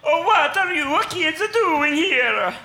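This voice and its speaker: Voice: high-pitched, lively intonation, slow, roomy sound, heavy background noise, heavily acted. Someone doing a hammy old Italian cardinal. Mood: ominous. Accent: exaggerated fake Italian. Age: 70s. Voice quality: cartoonish stage-Italian lilt with flourishes. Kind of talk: comedic scripted read-through.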